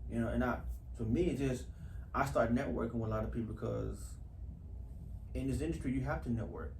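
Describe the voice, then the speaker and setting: This is a male actor from Houston, US, being interviewed. He speaks a little fast in a creaky, darkish, medium-pitched voice, casual but earnest, and often repeats phrases for emphasis. Faint background noise fills the echoey room.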